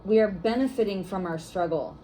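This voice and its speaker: A woman's voice: medium pitch, a little fast, warm tone, a little hiss or hum, low-quality recording. A woman instructor teaching a workshop class for massage therapists, guiding and chatty with lots of "like" fillers.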